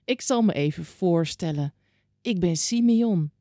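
A woman voicing a gentle, devout old man. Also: on the low side, animated, unhurried, no echo, clean studio sound. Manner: gentle, polite, softly spoken. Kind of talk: children's Bible story reading.

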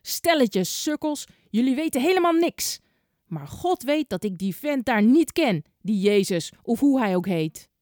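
A woman's voice: a little high, very animated, moderate pace, darkish tone, no room sound, clean studio sound. A woman voicing a frightened, stubborn male disciple in a storybook tale, who answers with defensive, blustering denials. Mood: angry.

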